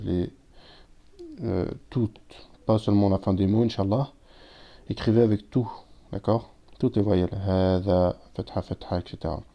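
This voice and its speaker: A man's voice: low-pitched, vocal fry. A man teaching a recorded language lesson, patiently explaining step by step and reading out words with their translations. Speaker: Arabic teacher. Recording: dull lo-fi sound.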